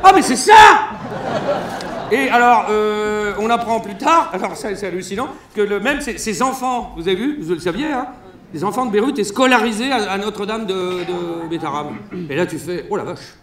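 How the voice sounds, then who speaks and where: A male stand-up comedian on a concert hall stage, telling crude, mocking stories in an animated way. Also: sits high, a little fast. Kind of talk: satirical stand-up press review. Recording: roomy live hall sound.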